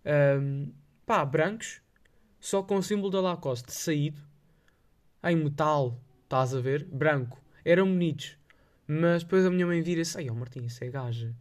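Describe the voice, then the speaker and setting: Young lisbon guy just chatting on his podcast, slangy n rambly, bit of a high voice, kinda hesitant. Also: a little slow. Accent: Lisbon Portuguese. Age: young adult. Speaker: podcast host. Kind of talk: casual solo chat, telling anecdotes.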